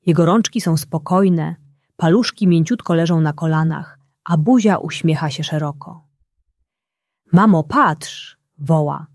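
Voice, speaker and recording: A woman narrating a bedtime story for children in a gentle, unhurried way. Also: low-pitched, no echo, studio quality.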